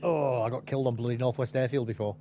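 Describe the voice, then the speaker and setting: A man rattles along at a brisk pace in easygoing gaming chatter. He's laid-back and chatty, with a mild swear word here and there. A light hiss sits underneath his voice. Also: mid-range voice, fairly even intonation, dark tone. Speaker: gamer. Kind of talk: casual chat while gaming.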